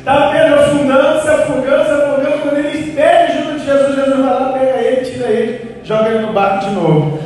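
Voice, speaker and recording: A man preaching a lively, joking, storytelling sermon. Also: very high voice, fast. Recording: echoey church hall, far mic, faint music.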